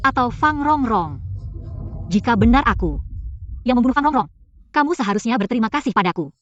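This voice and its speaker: An actress voicing a young heroine in a dubbed short drama, by turns pleading and defiant. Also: female voice, fairly high pitch, expressive, brisk, muffled recording, a little hiss or hum, natural voice. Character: defiant young heroine, desperate to protect her grandma.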